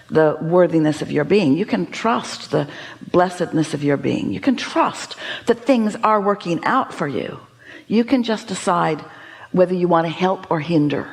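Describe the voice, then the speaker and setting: A woman teaching a seminar audience, speaking as "we" and posing emphatic rhetorical questions. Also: lowish voice. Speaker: inspirational speaker.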